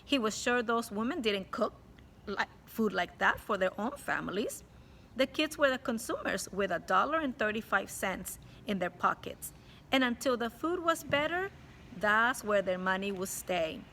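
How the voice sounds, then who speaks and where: Her mid-range voice is expressive and moves at a normal speed as this woman teacher reads a chapter book to children. She stops to explain it to them in a warm, direct way, and a little hiss or hum sits under the audio.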